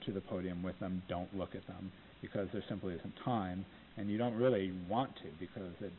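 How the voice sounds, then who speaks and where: Speaking into a podium mic, a lecturer gives law students a casual talk about appellate oral argument, taking his time and filling it with ums. His voice is low and, by his own account, not dynamic, and his manner plainspoken. A faint hiss runs under tinny, phone-like sound.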